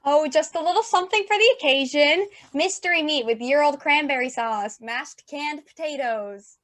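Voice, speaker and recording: Brief: woman voicing a flustered, bubbly mom, very high voice, play read over a video call. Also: moderate pace, a bit bright. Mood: chirpy. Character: Robin, a giddy, theatrical middle-aged mother.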